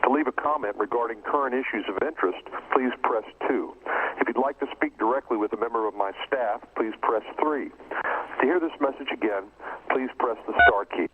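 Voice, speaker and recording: A man's voice: mid-range voice, noisy background. Man's formal phone-menu greeting over a tinny line. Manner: measured, formal instructions. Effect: heard over a phone line. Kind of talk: scripted phone menu message.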